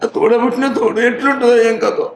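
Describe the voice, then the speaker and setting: A man's voice: very high voice, fairly even intonation, fast talker, over music. An actor playing a grieving older brother with a Telangana Telugu accent, consoling his sick sister. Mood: distraught. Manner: emotional, consoling. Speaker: actor in a family drama.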